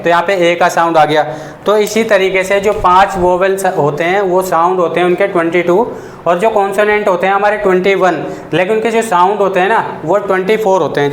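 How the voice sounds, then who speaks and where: A man teaching a basic English lesson to students. He talks patiently, repeats his points and asks the class questions. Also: sits high. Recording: echoey room with faint noise.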